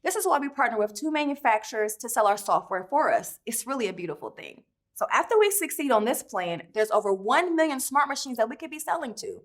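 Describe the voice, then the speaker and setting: Female founder for a scripted investor pitch, higher-pitched, polished and upbeat. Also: very animated, fast. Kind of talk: scripted promotional interview.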